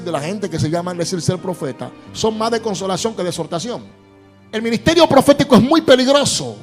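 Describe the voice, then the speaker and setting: A male pastor with a Caribbean Spanish accent delivers a prophetic Pentecostal sermon. His voice sits extremely high for a man, and he declaims with emphasis, repeating phrases to drive them home. Music plays behind him. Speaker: pastor preaching.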